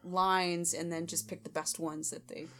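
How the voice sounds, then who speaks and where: A woman's voice: on the low side, level tone, measured pace, a bit bright. A woman co-hosting a podcast, casually reviewing a comedy film and thoughtfully explaining her favorite and least favorite lines. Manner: thoughtful, explains her picks, light laughter. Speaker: podcast co-host.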